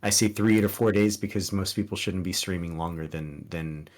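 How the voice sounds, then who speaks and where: On a casual podcast interview, a guest streamer whose first language is Spanish gives earnest, rambling advice full of restarts and ums. His voice is low and his pace moderate.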